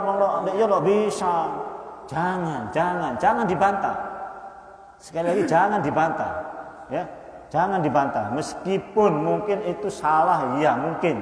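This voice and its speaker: A man preacher giving a casual mosque study talk, asking the listeners questions and joking with them. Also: fairly high pitch. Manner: conversational, quizzes the audience and jokes. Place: mosque hall. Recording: echoey mosque hall, mic at a distance.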